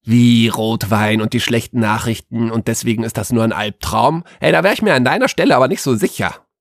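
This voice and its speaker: A man's voice: mid-range voice, a little fast, no room sound, clean studio sound, close to an everyday voice. A man voicing a cheeky, gossiping male ghost of Christmas future in a comic audio story, teasing and bluntly mocking.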